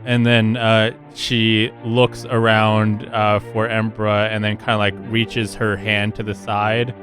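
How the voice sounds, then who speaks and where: A man's voice: lowish voice, level tone, takes it slowly, over music. A man narrating a tabletop game as game master in a casual, rambling way with many fillers.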